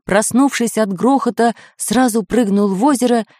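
A woman's voice: on the high side, normal speed, no echo, studio quality. Woman reading a children's story. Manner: expressive storytelling. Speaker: narrator. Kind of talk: children's audiobook narration.

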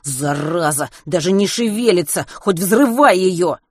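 A woman voicing a stubborn teenage boy who talks brusquely and grumbles loudly in an audiobook. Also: lowish voice, lively intonation, normal speed, no room sound, clean studio sound, close to an everyday voice. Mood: angry. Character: determined teenage boy, gruff and stubborn rescuer.

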